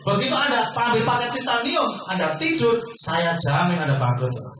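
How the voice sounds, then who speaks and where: A man giving a persuasive business sales pitch to a seminar audience, asking questions and answering them himself. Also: animated, moderate pace, fairly bright tone. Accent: Indonesian. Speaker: business presenter. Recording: echoey room from far off, faint noise.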